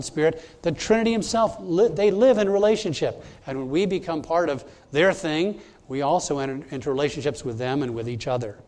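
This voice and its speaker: Preaching at a church service, a pastor speaks with a highish, darkish-toned voice. He addresses his congregation directly and emphatically, taking them through his teaching point by point.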